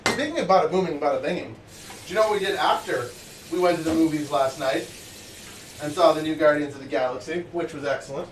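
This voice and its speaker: A high-voiced man hosts a live cooking stream from his basement kitchen, joking around and reading out viewers' messages in an excitable, casual way. He sits a little back from the mic, so his voice sounds slightly distant, and the room adds a noticeable echo. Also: fast talker, a little hiss or hum. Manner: excitable and jokey, reads out chat messages.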